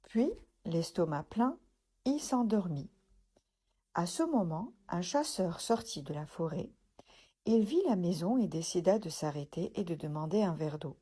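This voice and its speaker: A woman reading a children's storybook aloud, gentle and expressive. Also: on the low side, a little slow, slightly rough.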